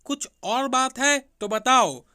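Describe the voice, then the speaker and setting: A man's voice: very high-pitched, expressive, slow, clear, resonant tone, voice pushed up, full character voice. A man voicing a young married woman, a stern and hurt sister-in-law who scolds sharply in a Hindi storybook tale. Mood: angry, sharp. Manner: sharp, scolding when angry.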